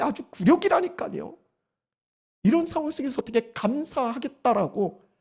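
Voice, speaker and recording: A woman pastor giving a Sunday sermon, animated and firing rhetorical questions at the congregation. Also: on the high side, slightly rough.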